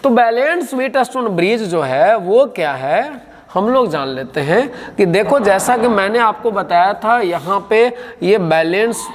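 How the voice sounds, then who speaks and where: A man's voice: high voice, lively intonation, measured pace, long reverb tail, slight background noise. A male physics teacher giving an exam-prep lecture who explains carefully and repeats key terms.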